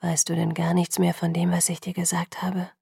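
A brooding young male vampire murmurs in a whispered role-play, put on by a woman reading aloud. His slow, earnest words come low and breathy, with a gravelly rasp underneath. The sound is close and dry, with no room around it. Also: monotone, dark tone, no room sound, heavily acted. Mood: hushed earnest.

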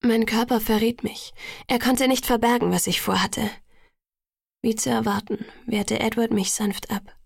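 A woman reading a first-person novel aloud as a hushed, intimate whispered role-play. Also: a little high, steady tone, a little slow, vocal fry, breathy edge, no echo, clean studio sound. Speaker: audiobook narrator.

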